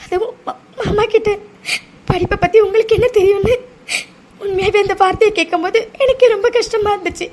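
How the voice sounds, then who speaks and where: A woman's voice: very high-pitched, a little fast, a little mellow. A woman voicing an anxious, caring young sister who presses with emotional questions. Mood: upset, questioning. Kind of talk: cartoon voice acting.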